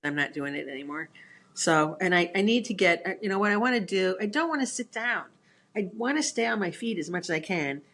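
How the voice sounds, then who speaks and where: A woman in a casual chat, telling stories in an animated way and laughing at herself. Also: medium pitch, a little fast. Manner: animated storyteller, acts out quotes, laughs at herself.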